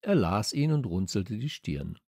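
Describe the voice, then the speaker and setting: Expressive male audiobook narrator. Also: fairly low pitch, unhurried, creaky, dry recording, studio quality. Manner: expressive storytelling. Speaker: audiobook reader. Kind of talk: scripted first-person narration. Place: studio.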